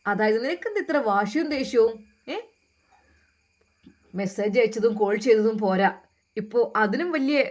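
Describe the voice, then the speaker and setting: A woman voicing a young husband, angry and curt, throwing sharp accusing questions in a lowered voice. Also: animated, moderate pace, pauses often, close to an everyday voice.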